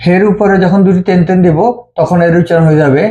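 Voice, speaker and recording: Patient man with a mellow voice. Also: high voice, fairly even intonation, lo-fi sound. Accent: Bengali. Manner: slow, patient, repeating each sound. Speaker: language teacher. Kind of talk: step-by-step script lesson.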